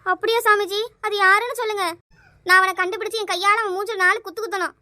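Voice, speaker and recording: A woman's voice: very high voice, steady tone, fast talker, bright, forceful tone, dry recording, full character voice. A woman voicing a frantic, hot-tempered village wife in a cartoon, wailing with a Kanyakumari Tamil accent. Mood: eager.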